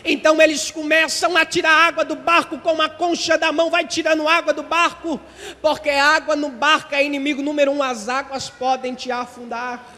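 High-voiced preacher in a reverberant hall. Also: male voice, flat delivery, normal speed. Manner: impassioned, repetitive, often rising to shouts. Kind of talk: sermon.

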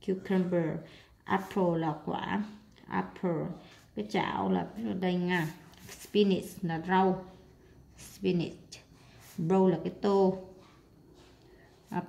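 A woman English teacher with a Vietnamese accent, working through a workbook exercise and talking as she writes, with pauses and fillers. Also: lowish voice, gravelly, darkish tone. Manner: talks while writing, with pauses and fillers. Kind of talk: casual workbook walkthrough.

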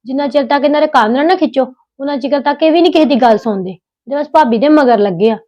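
A woman's voice: high-pitched, fast talker, a little mellow, close to an everyday voice. A young woman, playing a spoiled, sulky younger sister-in-law who complains a lot. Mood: complaining. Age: early 20s. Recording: dull lo-fi sound.

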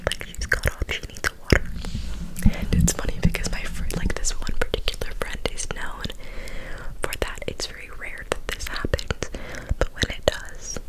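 A woman in her twenties telling a casual story in a breathy, unvoiced ASMR whisper, slow and deliberate with softly repeated words, very close to the microphone. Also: poor audio. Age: 20s. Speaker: ASMR creator. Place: small bedroom, indoors. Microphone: close-up handheld condenser microphone, cupped with a hand.

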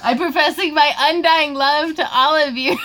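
With a very high, somewhat bright voice, a woman in her 20s hosts a live crafting Q&A as a craft vlogger. She's a little tipsy, rambles and giggles, and laughs a lot while she chats. Some faint background noise is audible.

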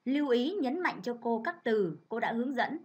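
A woman teacher leads a reading lesson for children. She reads in a clear, measured, instructive way. Her voice sits a little high. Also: expressive. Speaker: primary school teacher.

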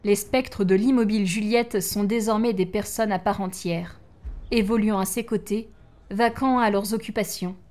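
A woman reading a story aloud, narrating in an expressive way and acting out the lines. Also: mid-range voice, moderate pace. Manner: expressive, acting out each line.

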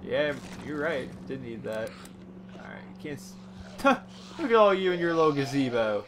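A man giving casual let's play commentary over a zombie game, excitable and chatting to the enemies on screen. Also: mid-range voice, unhurried, noisy background. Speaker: gaming YouTuber. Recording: game sound loud behind the voice.

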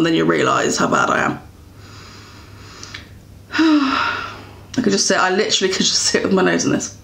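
A young woman from England, a beauty vlogger with a low-leaning, creaky voice, chats casually while reviewing beauty products. She uses lots of fillers and corrects herself often, and the room is echoey.

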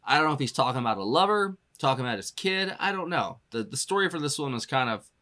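A man with a bright, forceful voice gives a casual music reaction. He rambles loosely, stacking up "you know" and "like" as he thinks aloud, and laughs often between thoughts. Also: mid-range voice, sing-song, fast talker. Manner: laughs often while talking.

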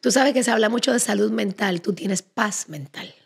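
A woman's voice: mid-range voice, normal speed, gravelly, husky. A woman guest on a podcast in casual chat, speaking effusively and full of praise. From Cuba. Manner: effusive, blessing and praising warmly.

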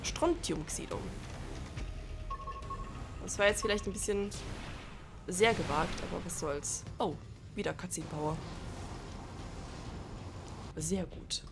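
A young woman commentating a video game playthrough, excitable, swearing and exclaiming often. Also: fairly low pitch, slow pace, gravelly, pauses often, music in the background. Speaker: let's play host. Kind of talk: let's play commentary.

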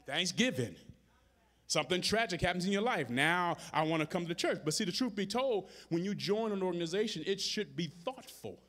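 A man preaching to his congregation, his voice sitting high for a man and swinging widely up and down. He talks plainly to the room, calls out to the people in front of him, and drives his points home by repeating phrases in a steady rhythm. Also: fairly quick. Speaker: pastor. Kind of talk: sermon. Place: church sanctuary, live service.

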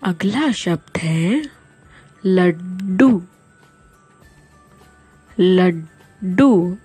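A woman teacher giving a slow spelling dictation to young children, repeating each word and breaking it into sounds with patient care. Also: fairly low pitch, animated, mellow, slightly rough, faint music behind.

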